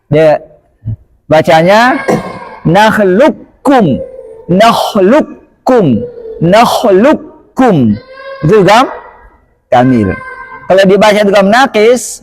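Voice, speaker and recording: A man teaching Quran recitation rules, slowly modelling each word several times and asking the listeners quick questions. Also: sits high. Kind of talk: tajwid lesson.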